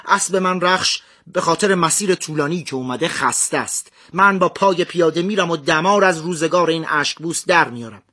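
A man's voice: on the high side, hardly any pauses, pushed and bright. A man doing a proud, scornful legendary hero. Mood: defiant. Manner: boastful, taunting threats.

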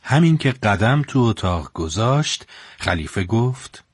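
A man narrating a historical story in a colloquial, steady storytelling manner. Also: fairly low pitch, breathy edge, no echo, studio quality.

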